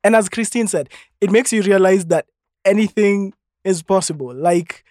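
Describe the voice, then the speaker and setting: Kenyan man, light higher voice, dry sound, upbeat and joking. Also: moderate pace, dry recording. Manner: lively, joking. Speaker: film actor. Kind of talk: casual interview.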